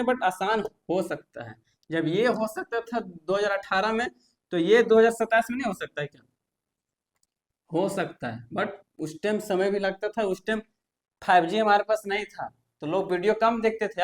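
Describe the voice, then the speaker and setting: Speaking in a high-pitched voice, a male tech YouTuber talks viewers through things in a reassuring, chatty manner. He tends to go over points again and start sentences over.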